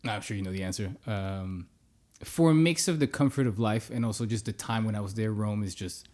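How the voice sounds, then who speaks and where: Relaxed and informal, a man in his thirties chats on a podcast in a lowish voice, speaking fairly quickly and laughing a lot. Born in the United States, he grew up in many different countries.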